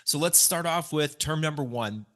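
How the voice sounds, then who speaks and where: A man's voice: a little high, normal speed, a bit bright. A middle-aged man co-hosting a podcast, explaining things patiently and laughing often. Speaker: podcast co-host. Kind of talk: casual chat.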